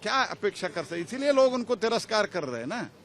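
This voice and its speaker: A man, a politician, giving halting but emphatic comments to reporters. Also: high voice, very animated, fairly bright tone, a little hiss or hum. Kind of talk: press comment.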